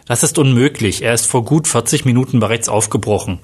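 A man reading the lines of a suspicious, pressing adult man, with a husky voice. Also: mid-range voice, fairly quick, a little mellow, natural voice. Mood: urgent.

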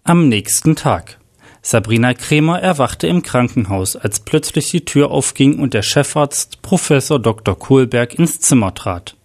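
A man narrating a crime story aloud in a plain, steady storytelling voice. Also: medium pitch, measured pace.

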